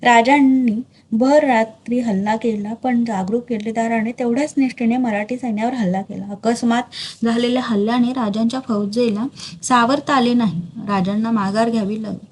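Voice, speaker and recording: A woman's voice: on the high side, fairly even intonation, normal speed, a little mellow. A woman steadily reading a historical novel aloud as narrator.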